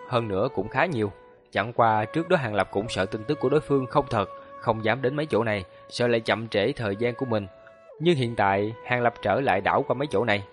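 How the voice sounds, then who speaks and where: A man narrates a long novel in a steady, even storytelling delivery. His voice sits at a middle pitch for a man. Faint music runs softly behind the reading. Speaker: audiobook narrator. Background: faint background music.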